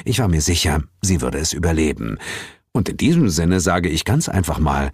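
A middle-aged man narrating a comic audiobook with playful, expressive storytelling. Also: very deep voice, moderate pace, breathy edge, dry recording, clean studio sound. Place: recording studio.

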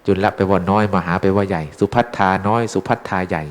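A man's voice: sits low, fairly even intonation, fast talker. A Buddhist monk giving an informal, chatty dharma talk, teasing his listeners with questions. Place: temple hall. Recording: long hall reverb.

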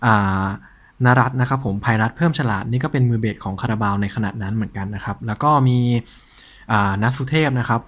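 A man hosting a collector's show in a casual, informal show-and-tell style, with a slightly husky voice. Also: mid-range voice, fast, a bit bright. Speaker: host of a cassette collection show.

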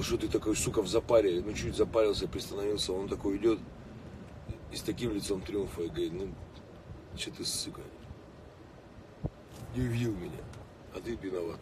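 A man in his late thirties chatting casually with fans on a livestream from inside a car in city traffic, greeting viewers by name. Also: on the low side. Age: late 30s. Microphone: phone held or mounted at arm's length. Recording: distant phone mic with street noise.

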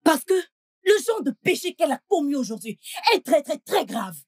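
A woman voicing a pious, excitable housemaid. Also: sits high, no echo, studio quality. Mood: earnest. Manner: loud pleading prayer, drawn-out chanting. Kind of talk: dubbed film acting.

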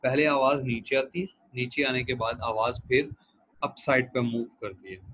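A man giving a recorded lecture as a language teacher, explaining pronunciation step by step and repeating each sound slowly for students to copy. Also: medium pitch, fairly even intonation, fairly bright tone, slight background noise, low-quality recording.

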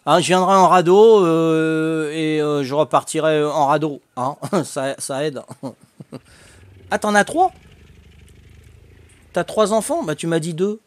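An older man talks casually to his stream chat as he plays. His voice sits a little high for a man. He is jovial and chatty, laughs often and keeps dropping little fillers. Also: expressive, slow, pauses often, dry recording. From Corsica. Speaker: livestreaming gamer. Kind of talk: casual livestream chat with viewers.

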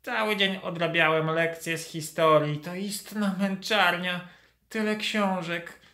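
A woman's voice: lowish voice, steady tone, takes it slowly, a bit bright, roomy sound. Woman playing a grumbling tired schoolboy. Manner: grumbling, complaining. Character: grumpy schoolboy worn out by homework.

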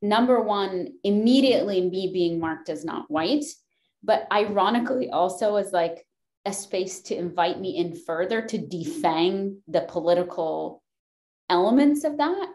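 Her voice mid-range and a little mellow, a woman from Lebanon in her thirties talks with passion and emphasis as a podcast guest, joining by webcam on a video call from home. The conversation is heated, and she laughs and curses a lot.

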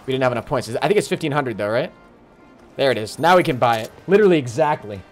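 A man commentating his live game stream, chatting along and greeting viewers by name with sudden excited outbursts. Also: medium pitch, fast, faint music behind.

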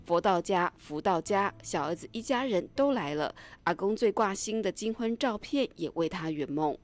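A woman narrating a news report in a measured, scripted delivery. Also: medium pitch. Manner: measured, even news reading.

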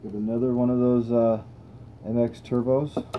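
A young man with a medium-pitched voice, talking at normal speed, runs a toy car channel and tests cars on an indoor table. He's relaxed and rambling, thinking aloud as he goes, while the audio sounds dull with a little hiss or hum.

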